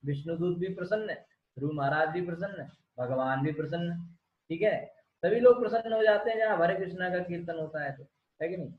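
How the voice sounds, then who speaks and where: A man giving a lively devotional scripture talk, often asking his listeners rhetorical questions. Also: high voice, a little fast. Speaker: spiritual lecturer. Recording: echoey dull room recording.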